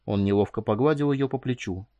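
Man with a calm, measured narration. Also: lowish voice, no echo, dull audio. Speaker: audiobook narrator. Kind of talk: scripted narration.

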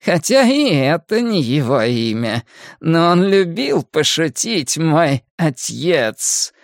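A high, creaking old woman's voice, as a male reader puts her on, stretching every word slowly and slyly. She is a monstrous storybook hag. The recording is dry and close, with no room sound. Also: very animated, no room sound, full character voice. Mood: sinister. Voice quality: creaky, slow and drawn out. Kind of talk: audiobook character voice.

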